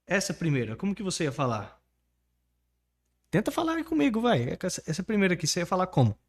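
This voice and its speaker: A man from Brazil with a high voice that swings up and down as he teaches English. He talks energetically and persuasively, coaxing the viewer to repeat words after him. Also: huge pitch swings, quick pace. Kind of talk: online English lesson and course pitch.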